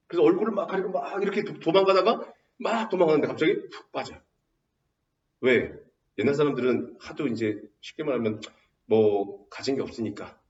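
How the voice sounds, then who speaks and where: A man teaching a high school Korean class, telling a story in an animated way and quizzing students with questions. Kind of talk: classroom lecture. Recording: roomy, distant, dull classroom recording.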